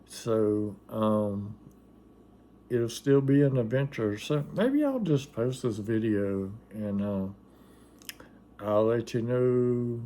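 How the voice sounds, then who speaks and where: A man's voice: mid-range voice, expressive, slow pace, dark tone. A man vlogging in a casual, rambling, hesitant and folksy way, with slightly slurred, wet articulation from new dentures and a slightly loopy delivery. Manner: hesitant, folksy, self-deprecating. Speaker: vlogger documenting a personal experience. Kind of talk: casual rambling chat to camera.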